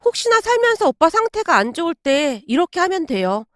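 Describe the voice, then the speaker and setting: A woman's voice: extremely high pitch, very animated, brisk, no room sound, studio quality. A woman voicing a blunt, chatty young sister-in-law who teases her brother. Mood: teasing. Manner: chatty, teasing.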